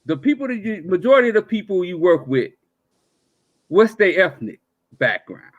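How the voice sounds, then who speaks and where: A man in his forties with a notably high voice, asking teasing, probing questions in a casual podcast chat. The sound is dry and close. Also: sing-song, normal speed, no room sound, muffled recording. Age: 40s.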